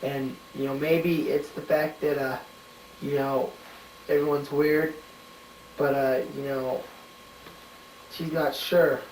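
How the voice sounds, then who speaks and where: A man giving casual spoken answers to study questions, halting and full of "you know" and "um", thinking aloud as he searches a book. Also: a little high, a little mellow, a little hiss or hum. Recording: roomy home recording from a distant mic.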